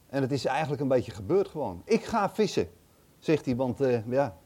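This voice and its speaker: Man, casual Bible reading with commentary, warm dark tone, hesitant conversational asides, thinking aloud. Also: mid-range voice, fairly quick, breathy edge. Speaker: Bible teacher.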